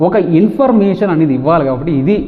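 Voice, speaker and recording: Fast, forceful man venting to camera. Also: high-pitched, lively intonation. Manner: fast, forceful, repeats himself with rhetorical questions. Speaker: vlogger. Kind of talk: talking to camera, ranting. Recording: tinny phone-like sound with long reverb.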